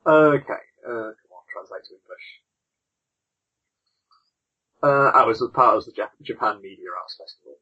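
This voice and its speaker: A man's voice: mid-range voice, expressive, moderate pace, pauses often, bright, forceful tone, breathy edge. A man hosting a podcast in casual chat, reading out news and rambling as he clicks through links, his voice tinny from the wrong microphone on an online call. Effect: tinny, lo-fi wrong-microphone sound. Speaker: podcast host.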